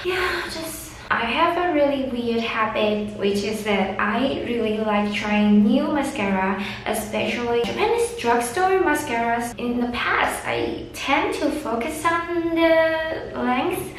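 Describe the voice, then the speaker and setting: A woman's voice: a little high, lively intonation, slow pace, few pauses, a little hiss or hum. A tired woman chatting casually as a beauty vlogger while doing her makeup, rambling and joking at her own expense, sitting on the floor at home and talking to a camera in front of her. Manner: rambling, self-deprecating, talks to herself. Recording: very echoey room.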